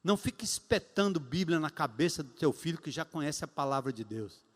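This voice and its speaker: A man's voice: a little high, lively intonation, fairly quick. A male pastor with a Brazilian Portuguese accent, preaching a sermon emphatically and acting out the voices of the people he quotes. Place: church sanctuary. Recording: long reverb of a church hall.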